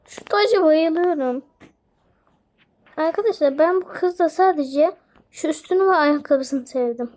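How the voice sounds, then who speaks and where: Excitable high-voiced young woman gamer. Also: unhurried, pauses often. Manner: excitable, squeals and cries out in delight. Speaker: gaming channel host. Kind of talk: casual game commentary.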